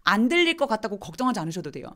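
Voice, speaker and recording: A woman teaching English pronunciation in a live online lesson, slowly demonstrating words and answering viewer questions. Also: medium pitch, sing-song, bright, forceful tone.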